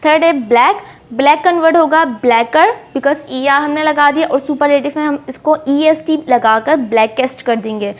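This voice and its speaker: A woman explaining a grammar lesson, asking questions and answering them herself, and reading English examples slowly. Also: high voice. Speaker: English teacher.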